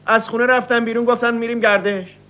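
A sly male animal sighs and strings out his directions in a very high, squeaky voice. The old television audio sounds dull and muffled. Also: fairly even intonation, sharp tone. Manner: sighing, drawn-out repetitive directions. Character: sly scheming animal, male, eager to be rid of everyone.

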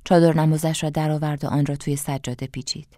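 A woman narrating a first-person story in a calm, measured reading. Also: low voice, dry recording, clean studio sound.

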